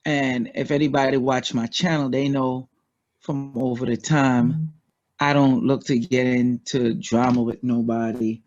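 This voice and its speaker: A man's voice: medium pitch, level tone, unhurried, a little mellow, highs cut off. A man with a Trinidadian accent, a guest talking bluntly and casually, swearing freely. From United States. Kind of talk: casual interview talk.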